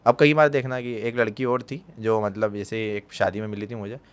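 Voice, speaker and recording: Quick, animated man, podcast guest who acts out stories, laughs easily. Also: fairly low pitch. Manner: animated storyteller, acts out quotes, laughs often. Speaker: podcast guest, content creator. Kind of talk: casual podcast storytelling.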